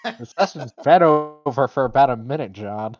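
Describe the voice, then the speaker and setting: A man's voice: mid-range voice, animated, normal speed, no room sound, highs cut off, soft background music. A man chatting casually and jokingly in a group voice chat. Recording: clear engine noise behind voice.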